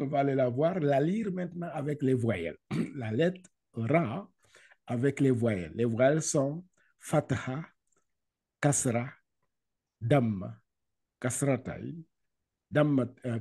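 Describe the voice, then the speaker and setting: Chill guy teaching quran reading over video call, mellow voice, laughs a lot, drops some english. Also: medium pitch, vocal fry, slightly rough. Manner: relaxed, laughs often, repeats syllables, switches into English. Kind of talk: casual online lesson.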